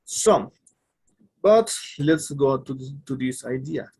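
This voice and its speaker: A man's voice: mid-range voice, animated, drawn-out words, a little mellow, slightly rough. A man teaching a casual English lesson online. He explains step by step and often stops to correct himself, with fillers along the way.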